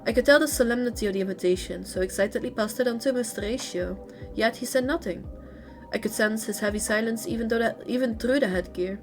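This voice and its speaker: A woman's voice: fairly high pitch, fast, soft background music, lightly acted. A woman voicing a devoted young female assistant from a game's lore, telling her account in an earnest, eager way and close to her own voice.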